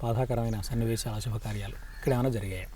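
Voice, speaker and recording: A man interviews a guest in quick, formally phrased questions. He sits well back from the microphone. Faint background noise runs under his voice. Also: on the low side, fairly even intonation, dark tone, distant mic.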